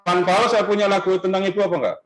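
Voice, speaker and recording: Man, slightly high voice, Easter talk to a church group, conversational, quizzes the audience, animated emphasis. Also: fast talker, faint music behind, poor audio. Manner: animated, rising emphasis on key words. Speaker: speaker at a parish gathering. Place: restaurant function room.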